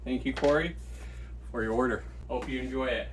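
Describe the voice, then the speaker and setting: A man's voice: medium pitch, fairly even intonation, a little fast, slight background noise. Chatty man packing orders at home. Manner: chatty, thinks aloud while working, thanks each buyer. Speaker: online reseller. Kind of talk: casual packing-and-shipping vlog.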